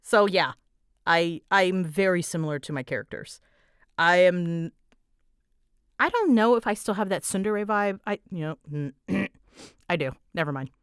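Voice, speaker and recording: A voice actress and host, speaking on the low side at a measured pace with frequent pauses, rambles casually to her audience as she takes their questions. She's an animated, bouncy, dramatic storyteller, giggly and self-deprecating. The recording is dry, with a clean tone and clean studio sound.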